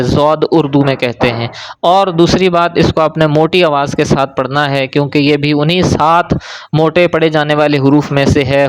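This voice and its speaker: A man teaching a beginners' Quran reading lesson, explaining how to say each letter and then chanting it out slowly. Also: on the high side, smooth. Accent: Pakistani. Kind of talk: step-by-step recitation lesson.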